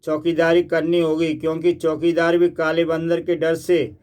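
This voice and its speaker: A man voicing a brave male comic hero who speaks in a steady, commanding way. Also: fairly high pitch, normal speed, clear, resonant tone, lightly acted. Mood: firm.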